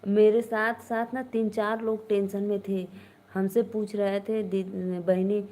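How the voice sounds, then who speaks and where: A woman's voice: mid-range voice, little pitch movement, measured pace, dark tone. A young woman with an Awadhi-tinged Hindi accent hosting a casual live stream, chatting with viewers and answering their comments.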